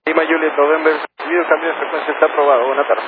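A man working as a tower controller, giving brisk, clipped instructions over a crackly two-way radio. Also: fairly high pitch, level tone. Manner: brisk, rapid, routine instructions. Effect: crackly two-way radio transmission. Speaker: air traffic tower controller. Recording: noisy narrowband radio channel.

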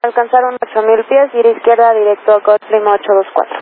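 High-pitched controller snapping quick commands over a tinny two-way radio. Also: male voice, level tone, no room sound. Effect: crackly two-way radio transmission. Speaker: air traffic approach controller. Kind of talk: clipped radio phraseology. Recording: narrowband radio channel with faint hiss.

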